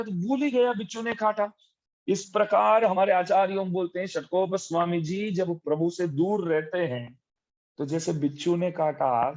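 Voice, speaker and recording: A man delivers a devotional discourse in a high voice. He tells his stories with animation and slips into the voices of the people he quotes. The recording is dull and lo-fi. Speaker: religious teacher giving a discourse. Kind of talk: devotional sermon with storytelling.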